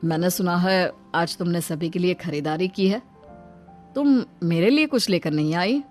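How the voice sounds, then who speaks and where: A woman's voice: fairly low pitch, normal speed, a little mellow, soft background music, close to an everyday voice. Chirag, a woman voicing a meek young husband. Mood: hopeful.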